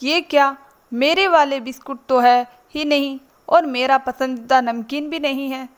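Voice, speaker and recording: A woman's voice: sits high, steady tone, measured pace. A woman voicing a petulant, complaining young daughter-in-law in a spoken storybook. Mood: sulky. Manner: grumbling, sulky.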